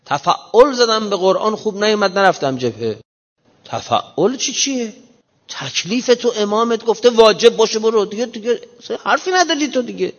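A man giving an emphatic sermon in casual everyday speech, slowing down to recite scripture. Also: high-pitched, sing-song. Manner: emphatic, quotes scripture in slow measured recitation; colloquial, explains modern slang. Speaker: preacher. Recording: muffled reverberant hall recording.

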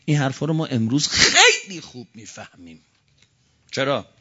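A man's voice: medium pitch, huge pitch swings. Fiery male preacher, lo-fi. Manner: fiery oratory, swinging from quiet to shouting; chants Arabic quotations slowly. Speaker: cleric preacher. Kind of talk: religious sermon.

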